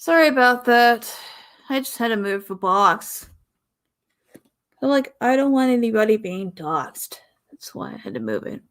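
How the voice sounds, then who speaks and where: A young woman from the American South hosting her own podcast in a casual, rambling way, pausing often and sighing. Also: fairly high pitch, very animated. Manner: rambling, pauses often, sighs. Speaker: podcast host. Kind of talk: casual solo podcast talk.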